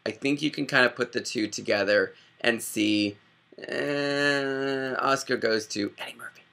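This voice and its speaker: A young man from the Chicago area, riffing sarcastically and rambling through a casual comedic vlog, with quick impressions. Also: on the low side, creaky, sharp tone. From Chicago area, Illinois. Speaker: video host.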